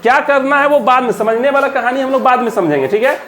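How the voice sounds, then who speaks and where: A woman's voice: high voice, fairly bright tone. A woman teaching an English reading lesson, spelling words letter by letter and drilling pupils with repeated questions. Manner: drills students with repeated call-and-response questions; reads English slowly word by word. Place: classroom. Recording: noisy classroom crowd. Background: class of children responding.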